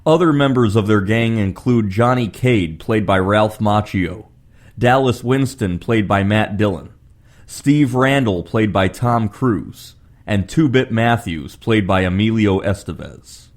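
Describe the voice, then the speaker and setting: A man's voice: fairly low pitch, unhurried. A man reading a scripted plot summary as a film reviewer.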